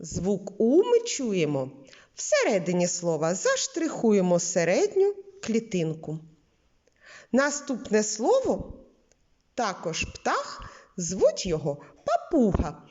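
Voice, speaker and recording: A woman leads a literacy lesson for small children, speaking slowly and patiently. She draws out sounds and words so they ring clearly, her voice mellow and full of lively rises and falls. The recording sounds a little dull and lo-fi. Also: medium pitch. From Ukraine. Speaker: preschool teacher.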